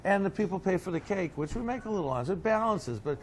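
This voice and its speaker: With a Boston accent and a high, animated voice, a man who owns a coffee cake company tells stories quickly in an interview, joking like a salesman pitching his small business. The low-quality recording has slight background noise.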